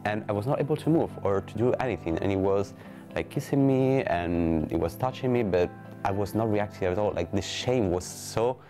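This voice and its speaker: A young Italian man speaks English in a very low voice, pausing often as he talks candidly. He sits for a studio interview with a lapel mic. Music plays softly beneath him. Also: expressive. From Italy. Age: 20s. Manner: hesitant, candid, speaks in short pauses. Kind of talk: to-camera interview. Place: studio with blue backdrop. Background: background music.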